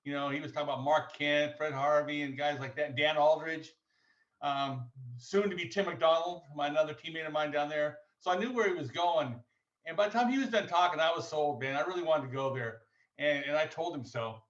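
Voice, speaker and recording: A man in his sixties telling a halting, rambling story of his student days on a video call. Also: fairly high pitch. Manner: halting, rambling, many restarts. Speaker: former athlete sharing memories. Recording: echoey, distant, dull video call audio.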